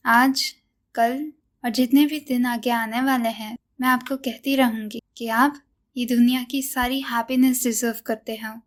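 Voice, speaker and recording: A woman voicing a playful, affectionate young woman, speaking softly in a drama recap. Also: fairly high pitch, lightly acted.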